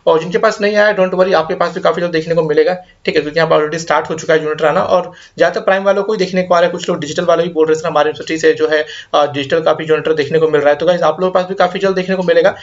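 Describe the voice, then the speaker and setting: A young man rattles through viewer updates at high speed, his voice pitched a little above the usual. He slips between Hindi and English and keeps checking in with his audience, and the recording sounds slightly dull and lo-fi. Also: fairly even intonation. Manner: rapid Hindi-English mix, reassuring, repeats "ठीक है". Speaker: career guidance YouTuber. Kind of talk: casual update video reading viewer comments.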